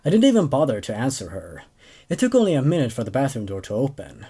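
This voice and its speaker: Speaking quickly with big swings in pitch, a twenty-something man reads horror stories aloud and chats casually about them as the show's host and narrator. His medium-pitched voice is warm and a bit rough, and his commentary comes out hesitant, with repeated words.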